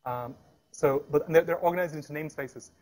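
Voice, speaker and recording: A man giving a live technical presentation at a meetup, talking fast with frequent restarts and fillers. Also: a little high, a little mellow. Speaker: tech meetup speaker. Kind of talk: live technical talk with demo. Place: meetup room.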